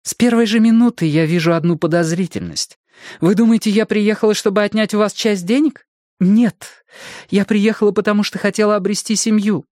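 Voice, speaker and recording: A man's voice: high-pitched, lively intonation, moderate pace, a little mellow, no room sound, studio quality, voice pushed up. A man reading an audiobook, voicing a proud young woman who is heated, defensive and defiant. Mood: indignant.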